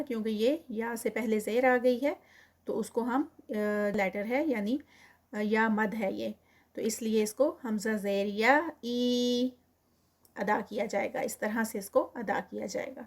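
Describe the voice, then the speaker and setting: A woman teaching Quran recitation, patiently drilling each letter sound slowly and mixing in English terms. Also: a little high, steady tone.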